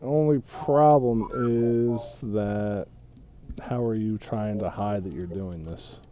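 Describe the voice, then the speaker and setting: A man's voice: lowish voice, slow, mellow, a little hiss or hum. A man running a tabletop game as game master, patiently explaining the rules to his players.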